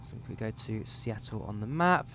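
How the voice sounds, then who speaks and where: His voice is lowish, expressive and a bit bright, delivered at normal speed with slight background noise. The young man, whose voice sounds slightly worn, casually talks viewers through a flight sim cockpit setup and reads out codes and numbers.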